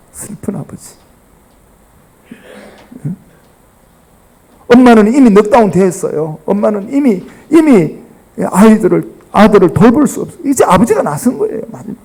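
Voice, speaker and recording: A man's voice: high voice, expressive, moderate pace, creaky, pauses often, dark tone, low-quality recording. A middle-aged man, a pastor with a Gyeongsang accent, preaching a sermon and dramatically acting out the people in the story. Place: church sanctuary.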